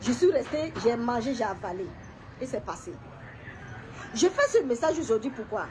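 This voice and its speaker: Woman, high voice, middle-aged, emotional testimony, halting and repetitive, faint background hum. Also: sing-song. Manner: halting, repeats words, pauses and clears throat. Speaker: woman sharing a personal story. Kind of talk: emotional personal testimony to camera.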